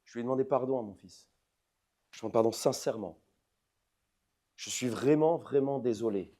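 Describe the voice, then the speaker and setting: A man in his forties, a rabbi, giving a lively lecture to an audience, swinging between loud emphatic outbursts and soft intimate asides, often asking the listeners questions. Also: mid-range voice, normal speed. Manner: addresses the audience directly with questions.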